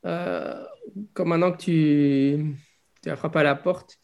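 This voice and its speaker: Creaky-voiced man narrating a tabletop game. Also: on the high side, fairly even intonation, a little slow, dull audio. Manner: hesitant, searching for words. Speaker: game master.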